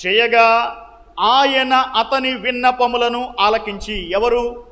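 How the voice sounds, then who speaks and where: Speaking slowly and in a steady tone, a man with a very high, bright, forceful voice leads a Bible lesson in question-and-answer form. He asks listeners questions, supplies the answers and repeats important phrases, his words ringing through a large, reverberant hall.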